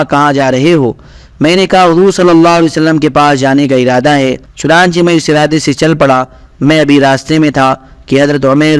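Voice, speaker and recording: A man reading aloud scripted narration of religious stories in a steady, even manner. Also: a little high, clean tone, no room sound. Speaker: reader.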